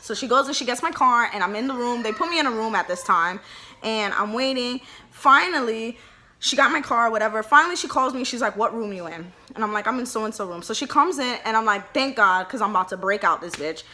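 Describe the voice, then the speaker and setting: A woman's voice: a little high, fairly quick. A young woman telling a story casually and with animation, full of fillers, acting out what people said. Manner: chatty and animated, many "like" fillers, acts out dialogue. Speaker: vlogger telling her birth story.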